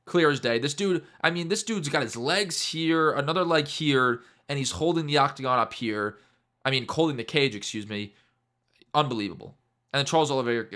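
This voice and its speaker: A young man with a bright, forceful voice talks through a fight replay in an animated, mocking way. He keeps circling back to the same catchphrases as he points out each foul. His pitch sits in an ordinary middle range for a man. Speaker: MMA YouTuber. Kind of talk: casual fight breakdown commentary.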